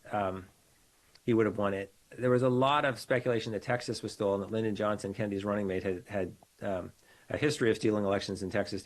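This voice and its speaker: A man, a political science professor, giving a measured, analytical explanation as a guest over a video call. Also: on the low side. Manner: measured, analytical, with frequent restarts. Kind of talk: explanatory interview talk.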